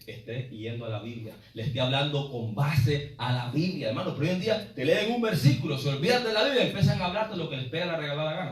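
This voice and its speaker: A man preaching in a church, his high voice ringing through a roomy, echoing sanctuary. He drifts away from the microphone at times, rising to loud cries and then dropping to low asides. The congregation is called brother again and again. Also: distant mic. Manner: preaching with swings between loud exclamations and low asides, often saying "hermano". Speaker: pastor. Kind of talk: sermon. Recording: echoey church hall, preacher off the mic.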